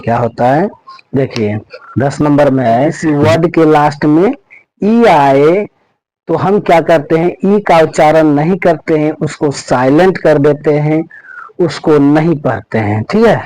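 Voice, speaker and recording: A male teacher explains pronunciation rules to his students in a slightly high, dark-toned voice, speaking a little slowly and spelling out letters and sounds one step at a time. He repeats himself and keeps asking "okay." It's a low-quality recording without echo.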